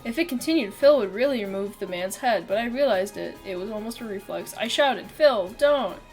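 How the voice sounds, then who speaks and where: A woman's voice: medium pitch, animated, brisk, a little mellow, soft background music. A woman streamer reading a visual novel aloud, laughing and swearing between lines.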